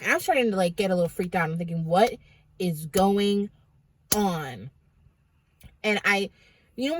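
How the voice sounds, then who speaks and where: A woman recounting a dream in casual vlog storytelling, her voice husky and breathy at a middle pitch. She rambles, trails off and restarts often. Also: dry recording. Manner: rambling, hesitant, many restarts and fillers.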